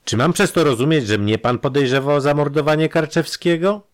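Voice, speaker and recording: A man's voice: fairly high pitch, a little fast, voice pushed up, natural voice. Man doing a stammering, jittery actor. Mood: nervous. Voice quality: slightly hoarse. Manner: stammering, flustered. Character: nervous, evasive male film actor under questioning.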